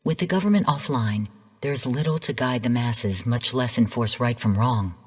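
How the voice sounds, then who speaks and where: This is scripted game narration from a stern female artificial intelligence, sounding through long hall reverb. Low and a touch husky, she briefs in a formal, analytical way with composed, measured phrasing and a grave mood.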